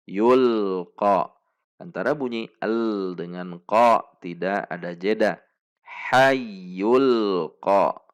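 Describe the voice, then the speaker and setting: This man's voice sits fairly low as he teaches the rules of Quran recitation. He's patient, stopping to model every sound slowly before asking listeners to say it back.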